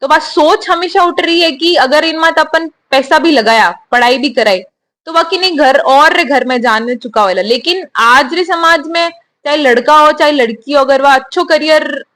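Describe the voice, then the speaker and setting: A young woman, a new army officer, giving steady, earnest answers in an interview. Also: sits high, moderate pace. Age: young adult.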